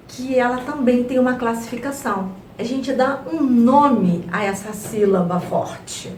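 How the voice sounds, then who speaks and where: A Brazilian woman teaching a review lesson to young children, stretching words out slowly and playfully. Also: a little high, echoey room, recorded from a distance, a little hiss or hum. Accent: Brazilian Portuguese. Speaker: primary school teacher.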